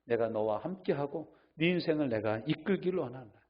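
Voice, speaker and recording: A man voicing Jesus inviting someone to open their heart, in a slow, earnest, lowered voice. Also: lively intonation. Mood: tender. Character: Jesus, calm, gentle and inviting. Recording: dull lo-fi sound.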